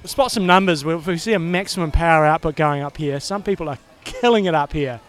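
Male Kiwi co-host, higher-than-average pitch, informal sports commentary outdoors. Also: fairly quick, fairly bright tone. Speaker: co-host and triathlon coach. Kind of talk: casual event commentary. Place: outdoors at a triathlon roadside.

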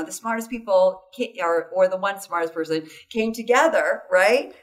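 A woman interviewed as a foundation founder talks enthusiastically, often tagging her sentences with "right?" and "you know". Her voice is medium-pitched with a fairly bright tone, picked up by a distant mic.

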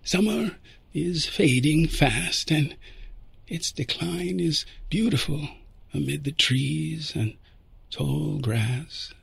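A man's voice: a little high, slow pace, vocal fry, a bit bright, slightly rough, full character voice. A man voicing a genteel older time traveler who muses and lectures with small stammers. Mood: gentle.

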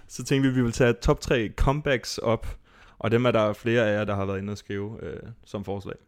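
A man hosts a casual podcast chat. He tells stories in a rambling way, with lots of restarts, and gets animated as he goes. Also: on the low side. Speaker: podcast host. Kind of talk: casual chat about fighting.

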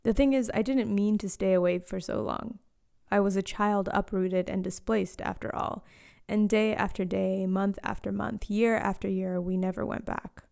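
Here a late-20s woman with a mellow, slightly gravelly voice reads her own scripted personal story in the first person. She was born in Eswatini to Zambian parents and grew up in South Africa, Australia and Canada. Her tone stays steady and mid-range, the reading slow, reflective and lyrical, with quiet pacing and softly hushed lines.

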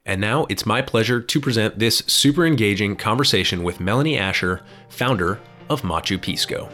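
A man's voice: fairly low pitch, normal speed, bright, forceful tone, faint music behind. A man hosting a drinks podcast, reading an intro and then asking friendly questions with some fillers. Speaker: podcast host. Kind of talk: scripted intro then casual interview.

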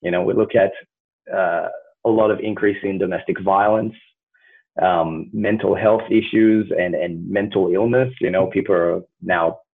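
A man talks in a low, husky voice through a tinny, phone-like line. He speaks earnestly and hedges often, with lots of "you know" and fillers. It sounds like a relaxed conversation. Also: moderate pace. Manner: earnest, hedging with many fillers. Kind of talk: casual conversation.

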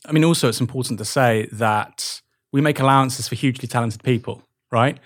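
A man's voice: mid-range voice, fairly quick. A man co-hosting a casual panel discussion, arguing his point confidently. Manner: argumentative, confident. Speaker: co-host.

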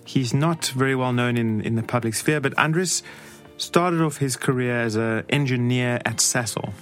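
Man hosting a casual podcast, mid-pitched voice. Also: normal speed, fairly bright tone, faint music behind. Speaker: podcast host and interviewer. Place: podcast studio.

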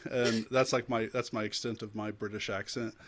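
A man's voice: fairly low pitch, level tone, brisk, fairly bright tone. A man hosting a casual chat, teasing his guest with jokes. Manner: joking, teasing. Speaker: podcast host.

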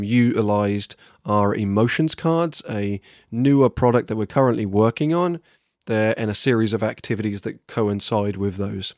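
A man's voice: fairly low pitch, darkish tone, no echo, clean studio sound. A man from England with an English accent, talking casually and candidly as a solo podcast host reflecting on his work. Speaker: podcast host, workshop trainer.

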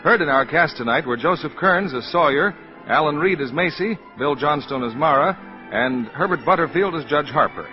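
A man announcing the credits of an old radio show in a formal, measured 1940s broadcast style. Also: on the high side, animated. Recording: muffled old radio broadcast with music behind.

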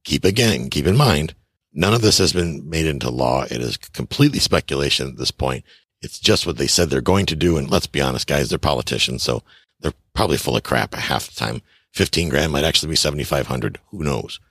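A man in his fifties hosts a podcast, offering blunt, chatty advice on real estate and taxes directly to his listeners in a casual monologue. His voice rumbles low yet has a fairly bright, husky tone. The recording is studio quality with no room sound.

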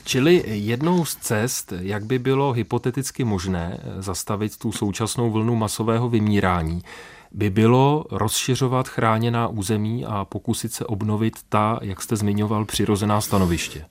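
Low-voiced man, formal radio interviewer.

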